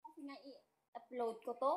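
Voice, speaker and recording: A woman's voice: sits high, fairly even intonation, measured pace, husky. A woman, filming at home and insistently repeating herself to her husband. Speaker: wife filming the video. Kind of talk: casual bickering banter.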